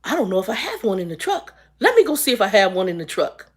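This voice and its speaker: A woman's voice: medium pitch, sing-song, quick pace, husky. A woman voicing an older male delivery man who rambles apologetically. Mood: explaining.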